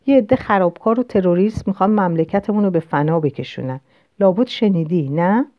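A woman's voice: on the low side, no room sound, close to an everyday voice. A woman putting on a gushing middle-aged lady. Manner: effusive, flattering. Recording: dull lo-fi recording.

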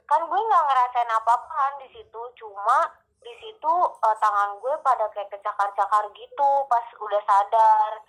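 A young woman recounts a spooky tale in relaxed, casual chat. She talks in loose runs full of fillers, restarts and little asides. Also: a little high, unhurried, rough recording. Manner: animated storytelling with many fillers. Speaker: storyteller guest.

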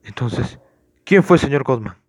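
A man's voice: medium pitch, animated, normal speed, no echo, lightly acted. A man voicing a stern small-town police officer who questions a suspect in a firm, formal, commanding way.

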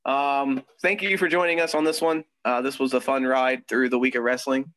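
Young man, podcast co-host, casual chat, laughs a lot, mid pitch, dry close sound. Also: fairly even intonation, normal speed, a bit bright, no echo, rough recording. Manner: chatty, with frequent ums and laughs.

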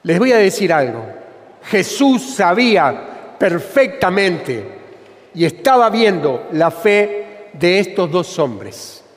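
A man's voice: high-pitched, very animated, takes it slowly. A man preaching a sermon with a Rioplatense Spanish accent, repeating phrases for emphasis. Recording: long reverb of a church hall.

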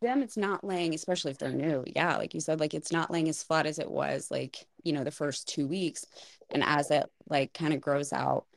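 Woman, low voice, gravelly fry, casual podcast chat, dry close sound. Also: moderate pace, no echo. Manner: chatty, animated, lots of "like" fillers. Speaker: podcast co-host, hair stylist.

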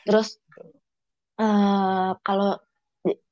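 A woman, a florist chatting casually as an interview guest, telling a story in a lively way. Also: medium pitch, drawn-out words, no echo. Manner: chatty storyteller, acts out quotes. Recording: dull, dry lo-fi recording.

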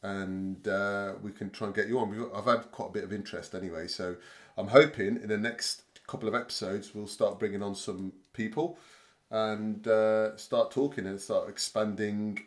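A man's voice: lowish voice, fairly even intonation, normal speed. A man hosting a casual podcast chat, rambling and hesitant with many fillers and restarts. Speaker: podcast host.

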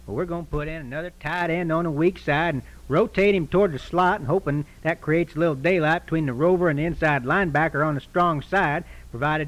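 An actor playing a rambling, folksy older football coach who drawls in loose grammar in a radio comedy sketch. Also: male voice, a little high, natural voice. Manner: drawling, ungrammatical, meandering.

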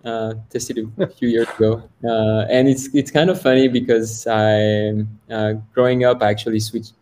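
A French software founder in his thirties, a guest on a video call, tells his story in casual interview talk, hesitant and full of fillers and restarts. His voice is medium-pitched, dark and fairly even at normal speed, with a little hiss or hum.

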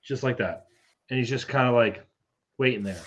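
A man's voice: mid-range voice, moderate pace, slightly rough. A man in a comedic podcast chat, ranting in disbelief and swearing a lot. His voice sits in a middle register for a man. The recording sounds somewhat dull and lo-fi. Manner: profane, incredulous ranting.

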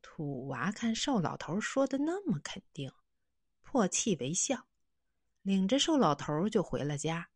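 A woman narrating a children's story in an expressive, animated way. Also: mid-range voice, measured pace, husky, no echo, studio quality.

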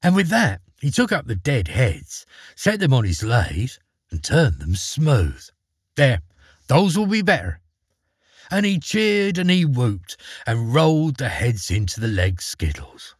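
A male storyteller reads a fairy tale dramatically and expressively, his mid-range, husky voice rising and falling widely at a measured pace. The recording is dry and close, with no room sound.

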